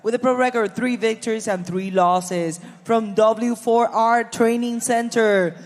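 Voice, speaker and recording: A woman's voice: fairly high pitch, steady tone, a little slow. A woman making bilingual English and Spanish ring announcements in a formal, showy manner, drawing out names. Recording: long hall echo over arena speakers.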